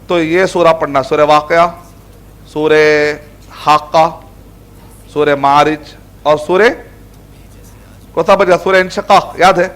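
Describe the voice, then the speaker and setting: High-voiced man giving a casual religious lecture. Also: a bit bright. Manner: conversational, repeats phrases, mixes English words. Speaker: Islamic scholar teaching Quran themes.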